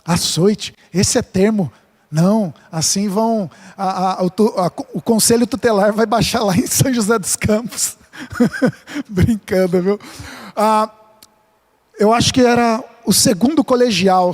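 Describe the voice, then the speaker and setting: A pastor from São Paulo state preaches in a voice pitched high for a man, earnest and emphatic. He mixes scripture with light-hearted stories from his own life. His words ring out in the long reverb of a church sanctuary. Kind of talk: sermon.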